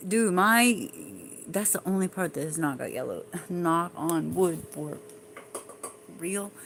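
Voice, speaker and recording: A woman's voice: lowish voice, slow pace, noisy background. A woman chatting casually on a livestream, rambling and swearing freely as she talks to her viewers and answers their comments.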